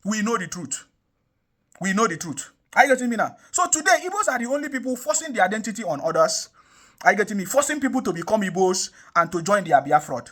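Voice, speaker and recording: In a high, bright, forceful voice, a young adult man from Nigeria's South South talks fast and very animatedly as an online commentator. He offers impassioned political commentary that is emphatic and repetitive, packed with rhetorical questions.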